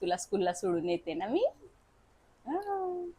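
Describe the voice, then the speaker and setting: A woman's voice: lowish voice, expressive, normal speed. A young woman, chatting casually through a family vlog at home and coaxing her child along. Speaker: vlogger and mother.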